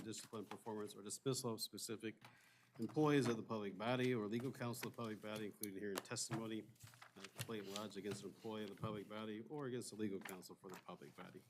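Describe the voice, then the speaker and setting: A man serving as mayor, chairing a city council meeting, reading motions and legal sections aloud in a brisk, formal way. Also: fairly low pitch, noisy background. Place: council chamber.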